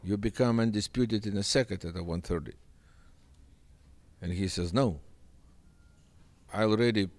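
The boxing manager, a native Russian speaker, has a deep, darkish voice and a moderate pace broken by long pauses. In this sit-down interview on an indoor sofa set with a handheld mic, he's earnest and emphatic, repeating phrases.

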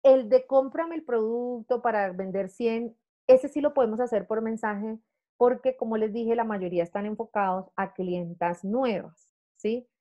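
A woman, a sales director coaching consultants in an online training talk, lively and chatty, checking in with "¿verdad?" and "¿sí?". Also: a little high, measured pace, lo-fi sound.

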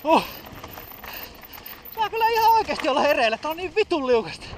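A high-voiced man talks his way down a bike trail in casual running commentary, full of breathless exclamations and self-mocking asides. Loud wind noise roars over the camera mic outdoors. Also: very animated, poor audio. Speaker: mountain biker filming his ride.

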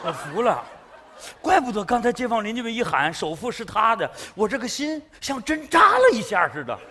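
Flustered son-in-law played by a man, very high voice, lively pitch, stage comedy, noisy live audience. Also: moderate pace. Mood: grudging. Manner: exclaiming, flustered pleading. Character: younger son-in-law, flustered, status-hungry husband. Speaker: comedy sketch actor. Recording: stage mic, loud audience laughter.

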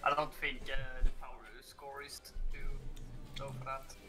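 A man's voice: medium pitch, monotone, normal speed, over music. A man from Sweden, a laconic teammate chatting during a game. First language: Swedish. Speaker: teammate on a call.

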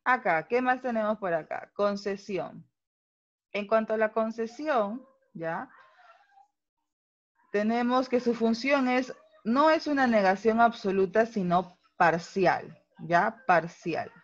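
Slow-paced Peruvian woman teaching online. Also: a little high, lo-fi sound. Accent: Peruvian Spanish. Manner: explains slowly, checks in with frequent tag questions. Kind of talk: online class lecture.

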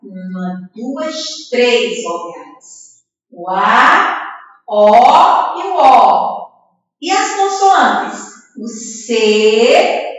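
Sing-song teacher in an echoey room. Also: female voice, a little high, fairly bright tone. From Brazil. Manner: slow, syllable-by-syllable, drawn-out and sing-song. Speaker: first-grade teacher. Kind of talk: remote reading lesson for young children. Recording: echoey room, far from the mic, dull lo-fi sound.

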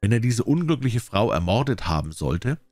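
A man voicing a calm, thoughtful male detective in an audiobook, in a measured, dry way. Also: lowish voice, no echo. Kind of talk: audiobook character voice.

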